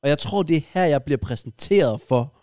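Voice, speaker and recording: A man's voice: on the high side, animated, darkish tone, no room sound, studio quality. A young man from Denmark, co-hosting a podcast, telling a personal story in casual chat and swearing offhand. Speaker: podcast co-host.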